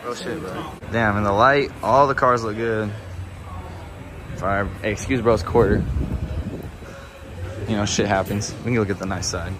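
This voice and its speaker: A man's voice: fairly low pitch, moderate pace, long pauses. A young man talking casually about his car build, slangy and profane, with a noisy background behind him. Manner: slangy, profane, laid-back. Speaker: car vlogger. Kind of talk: casual vlog narration.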